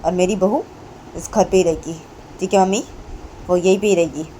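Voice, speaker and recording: A woman voicing a middle-aged father who firmly orders his family to be quiet. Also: lowish voice, fairly even intonation, normal speed, a little hiss or hum, lightly acted. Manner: firm, commanding, repeats "theek hai". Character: stern middle-aged father defending daughter-in-law.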